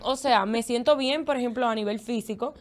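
A young adult woman with a Dominican Spanish accent, co-hosting a casual chat and telling candid, expressive stories. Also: fairly high pitch, brisk. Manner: candid, expressive storytelling with lots of fillers. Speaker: podcast co-host.

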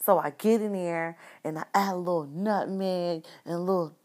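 A woman's voice: fairly low pitch, moderate pace, darkish tone. A woman casually telling a personal story, candid and profane, with lots of fillers. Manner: acts out quoted lines in shifted voices.

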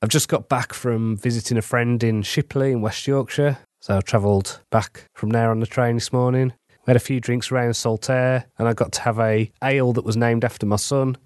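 A middle-aged English fantasy author, congested from a cold, chats through a weekly update on his writing, adding self-deprecating asides. His medium-pitched voice is brisk, darkish, and fairly even, recorded dry with clean studio sound.

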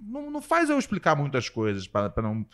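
Animated swearing podcast host. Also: male voice, a little high, fast. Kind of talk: casual podcast chat.

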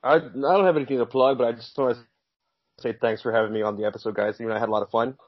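Podcast guest, man, rapid husky talk, dry muffled sound. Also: mid-range voice, fairly even intonation, dry recording. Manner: quick, chatty, hedging. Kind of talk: casual chat.

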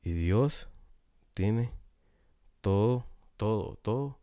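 A man preaching a sermon in a Costa Rican accent, earnest and repetitive, often dropping to a hushed tone. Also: lowish voice, lively intonation, extremely slow, clear, resonant tone, dry recording, clean studio sound. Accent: Costa Rican Spanish. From Costa Rica.

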